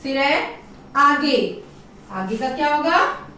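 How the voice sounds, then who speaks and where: A woman teacher leading a primary-school class, asking questions and drawing out each answer slowly for the children to repeat. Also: high-pitched, big pitch swings, bright, forceful tone, very echoey, recorded from a distance, slight background noise. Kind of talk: online class lesson.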